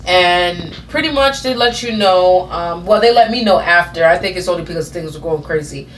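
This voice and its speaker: A vlogger in her thirties tells a personal story in a casual vlog, with a lowish voice, lively intonation, and normal speed. She rambles with lots of fillers and self-corrections, over slight background noise.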